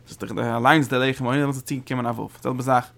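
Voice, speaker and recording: A man delivers a religious study lecture in a gravelly, mid-pitched voice. He talks in halting bursts, doubling back on his words. Every so often he lifts his voice high to drive a point home. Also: little pitch movement, a bit bright. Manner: halting, repeats words and restarts phrases; sudden emphatic rises when stressing a point. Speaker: Torah teacher.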